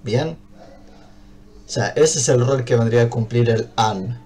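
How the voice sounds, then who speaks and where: A man's voice: mid-range voice, measured pace, dark tone, a little hiss or hum. A man with an Argentine Spanish accent teaching an English class, explaining patiently and checking often that his students follow. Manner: patient, checks understanding with frequent "¿bien?".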